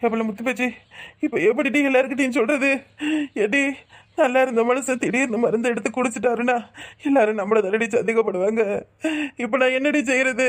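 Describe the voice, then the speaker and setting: A fretful cartoon village husband, as a woman puts him on, speaking in a somewhat high, raised voice. He pleads and frets in a southern Tamil village dialect. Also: brisk, close to an everyday voice. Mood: worried. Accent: southern Tamil Nadu village dialect. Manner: alarmed, pleading. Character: anxious grown son, village husband. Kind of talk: cartoon voice acting.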